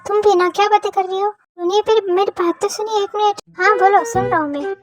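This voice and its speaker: A woman performing a homemade fan audio drama alone, voicing every role in quick bickering dialogue. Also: extremely high pitch, steady tone, music in the background.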